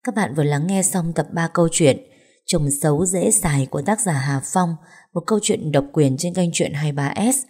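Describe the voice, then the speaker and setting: Female audiobook narrator; low pitch, dark mellow tone, even and steady delivery. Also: moderate pace, husky. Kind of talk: scripted story narration.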